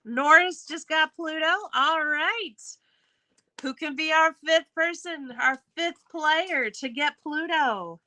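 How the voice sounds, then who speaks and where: A high-voiced woman hosts a live online game, upbeat and chatty, laughing easily as she calls out the winners. Her voice is bright and crisp, recorded dry and close. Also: takes it slowly, no echo, low-quality recording. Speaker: host. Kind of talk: live game-show hosting.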